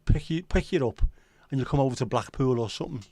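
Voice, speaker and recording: A middle-aged Scouser from Liverpool hosts a jokey livestream, bantering and swearing freely as he responds to viewer comments. He talks fast in a warm, medium-pitched voice with lively intonation, and the recording is dry.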